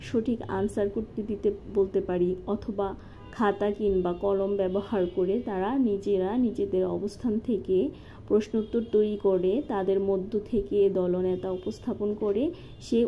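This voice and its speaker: A woman calmly walking through a lesson plan step by step, as a teacher-training instructor. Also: medium pitch. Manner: methodical, step-by-step with occasional fillers. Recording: slightly dull lo-fi recording with faint noise.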